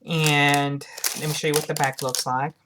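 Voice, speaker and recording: Her voice is low and her tone level while she gives viewers a casual product review amid a noisy background. The delivery halts often, with phrases repeated and reworded.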